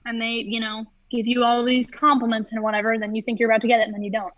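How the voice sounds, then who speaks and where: A young woman, a voice actress, chatting casually on a livestream and telling animated stories. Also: fairly high pitch, rapid-fire, dry recording, highs cut off. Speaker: voice actress, co-host.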